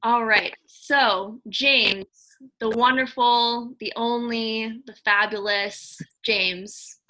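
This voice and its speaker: An American podcast host from Nebraska introduces her guests in a casual, chatty, effusive and affectionate way. Her voice is fairly high and sharp, and the audio quality is poor.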